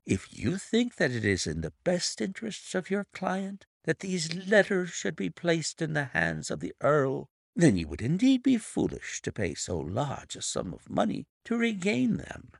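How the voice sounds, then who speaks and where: A man performs a silky, middle-aged blackmailer who purrs his threats with false pity. The voice sits noticeably higher and glides through big rises and falls at an unhurried pace. A gravelly edge runs under the oily charm, recorded dry and close. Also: huge pitch swings, no room sound, full character voice. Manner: oily, unctuous, mock-sympathetic. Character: smug, purring male blackmailer, middle-aged. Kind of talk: audiobook character reading.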